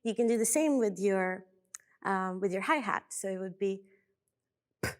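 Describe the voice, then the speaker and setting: A woman's voice: medium pitch, normal speed. A woman teaching a beatbox technique, breaking it down methodically step by step with occasional fillers. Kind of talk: instructional explanation.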